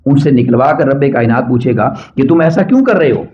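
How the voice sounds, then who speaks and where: A middle-aged man delivering a Friday sermon as a preacher, chanting Arabic quotations slowly and then explaining them with rising emphasis on key points. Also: mid-range voice, expressive, a little hiss or hum. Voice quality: recites Arabic hadith in slow measured chant, then explains in Urdu. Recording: dull lo-fi sermon recording.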